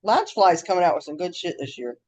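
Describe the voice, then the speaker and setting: A woman's voice: on the low side, expressive, fast, darkish tone, dull audio, a little hiss or hum. A woman co-hosting a casual podcast, chatting and reading out news in a scattered, easily sidetracked way, saying her R's like W's. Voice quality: trouble saying R's, w-like R sounds. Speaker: podcast co-host.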